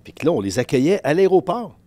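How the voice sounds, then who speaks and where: A sports journalist in his fifties from Quebec, with a Québécois French accent, tells career anecdotes full of quoted dialogue as a guest in a casual podcast interview. His voice is on the high side and darkish, quick with big pitch swings, and has no echo.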